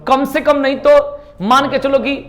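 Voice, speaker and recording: A man teaching a classroom lecture who sounds each letter out loud, drills the students and keeps calling them "bhai". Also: very high voice, moderate pace. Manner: lively, repeats sounds aloud and drills students; calls students "bhai" often.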